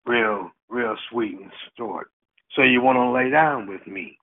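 A man's voice: medium pitch, unhurried, a little hiss or hum. A man from Houston, Texas reading a sensual spoken word poem, chuckling between lines. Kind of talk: slow sensual poetry reading. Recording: tinny phone line.

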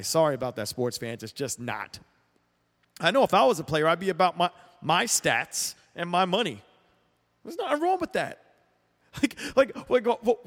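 A man hosting a sports talk show, with a somewhat high voice and a blunt, opinionated delivery. He rambles, restarts and repeats words. The recording has a long, echoing reverb.

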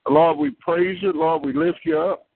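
A man's voice: fairly high pitch, very animated, moderate pace, creaky, no room sound. A man leading a fervent, rhythmic spoken prayer, repeating phrases and breaking into tongues. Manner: rhythmic repetitive praying with tongues. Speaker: prayer leader. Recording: tinny phone line.

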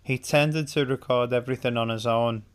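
A man's voice: mid-range voice, steady tone, normal speed, clear, resonant tone. A young English man co-hosting a podcast, patiently explaining music trivia in casual album commentary. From England. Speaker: podcast co-host.

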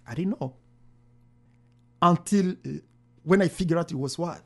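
A man's voice: a little high, moderate pace, fairly bright tone. A man, a pastor, earnestly telling his story in an interview, often repeating phrases. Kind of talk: interview testimony.

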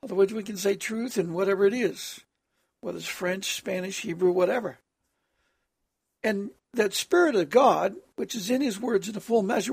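This sermon is spontaneous and spoken as prayer, delivered haltingly by a preacher whose voice is harsh and hoarse, with frequent throat-clearing. Pitch is medium and there is no echo.

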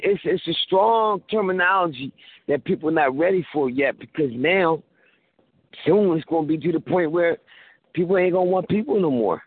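Husky-voiced man preaching over a phone line. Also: on the high side, no room sound. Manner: preachy, joking, acts out little scenes. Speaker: guest commentator. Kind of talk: animated casual talk.

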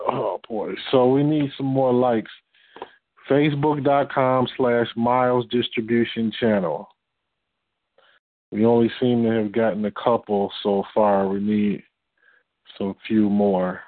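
A man who is short of breath, hosting an unscripted motivational group talk in a halting, earnest way. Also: medium pitch, little pitch movement, no echo, phone-quality sound. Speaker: host coaching on marketing and fundraising.

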